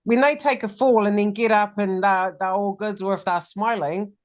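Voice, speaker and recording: A woman's voice: medium pitch, fairly even intonation, normal speed, lo-fi sound. A woman with a broad New Zealand accent, chatting casually and bluntly as a panellist on a fan podcast. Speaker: rugby league podcast panellist.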